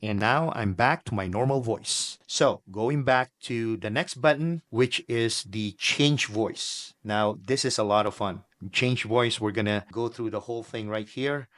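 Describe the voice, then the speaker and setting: Man reviewer, low voice, dry close sound, plain explaining. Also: a little slow, hardly any pauses, fairly bright tone, dry recording. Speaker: product reviewer. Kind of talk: product demo.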